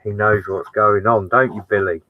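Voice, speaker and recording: A man's voice: lowish voice, steady tone, normal speed, dry recording, narrow, tinny audio. A man on a casual van-life live stream, talking from inside his converted van and cheerfully greeting viewers by name. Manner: upbeat, greets viewers by name, keeps saying "fantastic".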